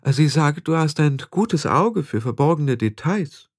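A man doing a smooth, unflustered older witch. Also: fairly high pitch, expressive, a little slow, no echo, studio quality, pitched above the performer's own voice. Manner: smooth, unembarrassed.

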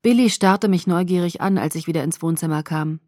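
A woman narrating a novel in the first person with a soft, intimate, measured reading. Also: lowish voice, dry recording, clean studio sound. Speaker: audiobook narrator.

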